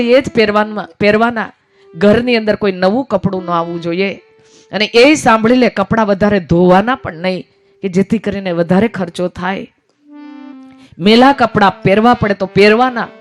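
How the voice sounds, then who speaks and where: A woman narrating a devotional story, emotionally voicing a father, mother and son. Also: mid-range voice. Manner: emotional storytelling, voices the characters' pleas. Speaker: religious storyteller. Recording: faint music behind voice.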